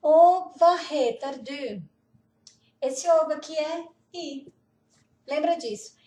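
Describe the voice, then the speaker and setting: A woman teaching Norwegian pronunciation, slowly repeating words and laughing now and then. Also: high voice, distant mic. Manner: slow, repeats words carefully, laughs often. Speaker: language teacher. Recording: roomy echo, off-mic.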